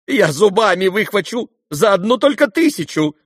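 A man voicing a pushy, frantic male hanger-on who yells in screeching bursts. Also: high-pitched, sing-song, moderate pace, no room sound, studio quality, voice pushed up, exaggerated voice.

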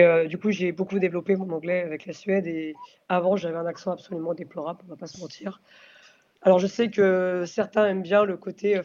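A woman, a band's singer, answering interview questions thoughtfully and pausing often with fillers to find her words. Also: on the low side, darkish tone, muffled recording, a little hiss or hum. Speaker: singer of a post-metal band.

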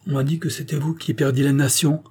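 A man's voice: medium pitch, flat delivery, fairly quick, dark tone, husky, voice pushed up, natural voice. A man voicing a fierce young working-class woman who cries out, then stammers timidly, in a storybook reading.

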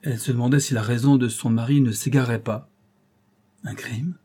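A man narrating a classic novel as an audiobook in a measured, dramatic reading. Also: mid-range voice, fairly even intonation, mellow. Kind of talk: scripted literary narration.

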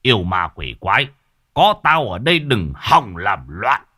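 A man's voice: on the low side, sing-song, fairly bright tone. A man voicing a stern old village exorcist. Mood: commanding. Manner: commanding, measured.

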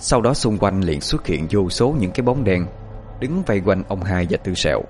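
Lively low-voiced horror storyteller. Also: male voice, normal speed, soft background music. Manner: expressive, suspenseful. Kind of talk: scripted horror narration.

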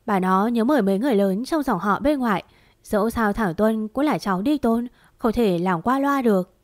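A woman narrating a storybook and giving calm instructions as an older man who heads a household. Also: on the high side, moderate pace, dry recording, close to an everyday voice. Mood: instructing.

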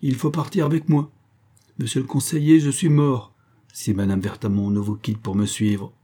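A man's voice: medium pitch, level tone, normal speed, dark tone, pitched above the performer's own voice, lightly acted. A man reading the part of a bold young cavalier lover, gallant and theatrical, in an audiobook.

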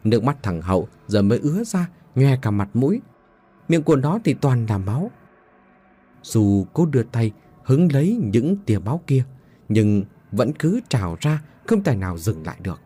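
A man's voice: mid-range voice, sing-song, moderate pace, warm tone, breathy edge. A man narrating a ghost story in a dramatic, suspenseful manner.

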